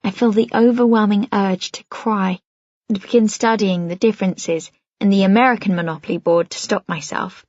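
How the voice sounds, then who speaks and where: A woman narrating a first-person audiobook in a measured, reflective way. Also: mid-range voice, fairly even intonation, a little mellow, no room sound, dull audio.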